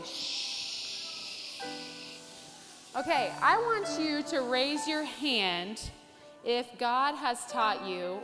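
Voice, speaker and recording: A woman leading a children's service at camp, gentle and prayerful, asking the kids questions. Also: high-pitched. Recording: reverberant hall, clear music behind.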